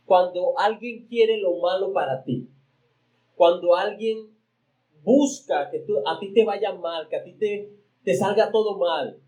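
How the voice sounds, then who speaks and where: High-voiced preaching man. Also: mellow, low-quality recording. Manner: preaching with emphatic pitch swings, reading scripture aloud; repeats words while searching for the next phrase. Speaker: pastor. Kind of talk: sermon.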